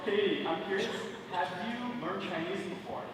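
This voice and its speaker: A man's voice: high-pitched, normal speed, a crowd in the background. A young man in his twenties performing stage magic patter, joking playfully with an audience volunteer in a large theater. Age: 20s. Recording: echoey theater hall, distant mic.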